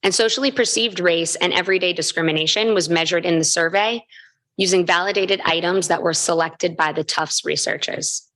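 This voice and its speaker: Female researcher for a formal seminar talk: low register, scripted delivery with the odd slip. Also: a little fast, a bit bright, poor audio. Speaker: postdoctoral researcher presenting. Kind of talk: academic research presentation.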